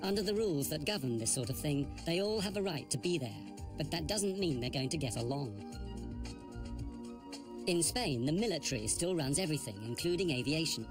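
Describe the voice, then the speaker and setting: A man narrating a documentary in a measured, grave scripted delivery. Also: fairly high pitch, lively intonation. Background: music.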